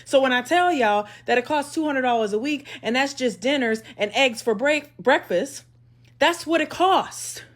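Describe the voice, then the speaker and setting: A woman with a slightly high voice delivers an angry rant. She swears freely and lectures with heavy sarcasm. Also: normal speed, few pauses. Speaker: social media poster.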